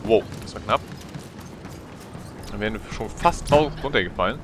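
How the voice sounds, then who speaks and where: A man giving casual, slangy, excitable gameplay commentary. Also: on the low side, moderate pace, background noise. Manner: colloquial, slangy, swearing, excitable. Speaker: let's player.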